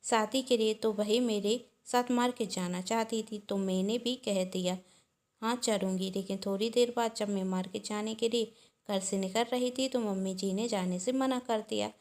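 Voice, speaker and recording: A woman's voice: medium pitch, fairly even intonation, normal speed, darkish tone, natural voice. A woman voicing a scheming young daughter-in-law who speaks sweetly but falsely, in a family storybook reading. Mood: complaining.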